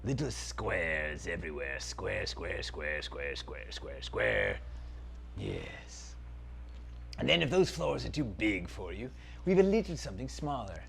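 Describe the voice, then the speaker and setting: A man's voice: low voice, sing-song, measured pace, gravelly, a little hiss or hum, exaggerated voice. A man voicing a pompous villain sorcerer prince in a comic skit, haughty and theatrical, now and then dropping to a stage whisper.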